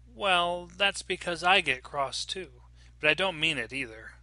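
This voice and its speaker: A man voicing a worried young mother who speaks in a soft, hushed, reassuring way. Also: fairly high pitch, lively intonation, a little slow, no room sound, pitched above the performer's own voice, exaggerated voice. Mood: soothing.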